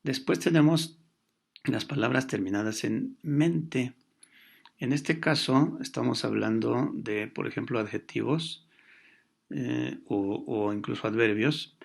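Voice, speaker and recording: Gravelly-voiced man teaching a lesson. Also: mid-range voice. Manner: patient, explanatory, with pauses and fillers. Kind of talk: recorded grammar lesson.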